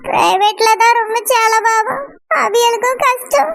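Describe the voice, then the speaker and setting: Very high-voiced anxious young village wife, voiced by a woman. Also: steady tone, measured pace, creaky. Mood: explaining. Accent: Kanyakumari Tamil. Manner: lamenting, pleading. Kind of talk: village drama acting. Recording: loud background noise.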